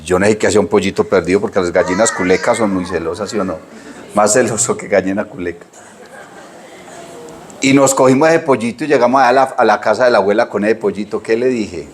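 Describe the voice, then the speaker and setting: A middle-aged man, preaching a sermon in a lively storytelling way, his pitch leaping up whenever he acts out what people said. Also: fast talker, slight background noise. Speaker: pastor.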